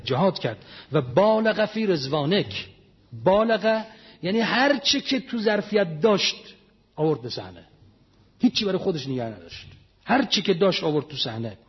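A man preaching a religious sermon, emphatic, repeating phrases and reciting prayers slowly before explaining them. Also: mid-range voice, breathy edge, lo-fi sound.

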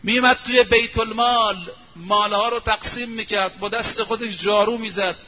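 A man's voice: sits high, fairly even intonation. Emphatic male preacher telling a story. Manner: emphatic, drawing out quoted phrases slowly. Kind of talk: sermon storytelling. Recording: muffled lo-fi recording, faint hiss.

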